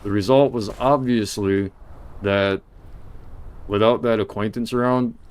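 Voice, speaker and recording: A man's voice: on the low side, fairly even intonation, measured pace, smooth. A man livestreaming, talking in a casual, meandering monologue full of restarts. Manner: meandering, restarts, talks to his mother off camera.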